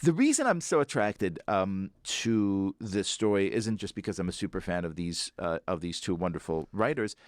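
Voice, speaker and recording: A man, an author and guest, telling a story with animated, swooping emphasis. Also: sits low, moderate pace, hardly any pauses, no echo, studio quality.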